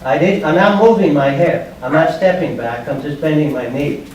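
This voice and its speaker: A man's voice: on the high side, normal speed, darkish tone. An older man, in his sixties or so, giving an instructional martial arts demonstration in short, plain, step-by-step phrases. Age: older, about 60s. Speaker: judo instructor. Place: large bare padded indoor training room. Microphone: distant camera microphone. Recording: echoey room, far microphone, background noise.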